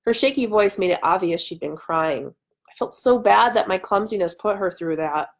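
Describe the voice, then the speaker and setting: An author in her thirties hosts a live online reading, reading a novel aloud and chatting casually between passages in an animated, mid-range voice at a moderate pace. She sounds congested and nasal with a cold. A webcam at arm's length picks her up in a small room at home.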